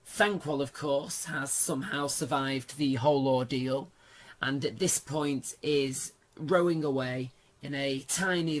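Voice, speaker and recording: Hoarse man with a smoker's rasp, unhurried. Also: mid-range voice. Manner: chatty, informal, playful asides. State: hoarse, worn-out voice. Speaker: video host and narrator. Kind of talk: casual fantasy lore commentary.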